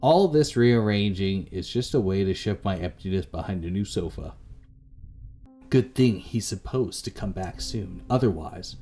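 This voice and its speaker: Narrating a visual novel for his let's play, this YouTuber gives a dramatic reading and repeats any line he trips over. He has a low, warm voice with lively intonation and speaks a little slowly. Game music runs beneath the voice.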